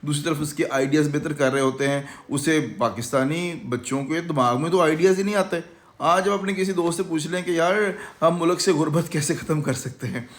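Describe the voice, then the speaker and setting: A man's voice: a little high, a little fast. A man with a Pakistani Urdu accent, an English course instructor giving a confident, salesy promotional talk that mixes in English words. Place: language institute.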